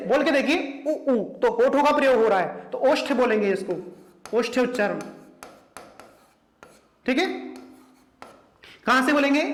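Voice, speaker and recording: A man teaching an exam-prep class, often asking the students rhetorical questions and repeating his points. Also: very high-pitched. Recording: echoey room.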